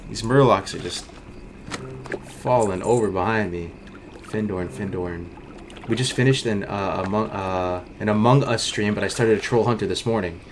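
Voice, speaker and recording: A game streamer with a lowish voice livestreams gameplay commentary full of cocky, hyped frat-bro slang. Loud music and a noisy background sit behind his voice.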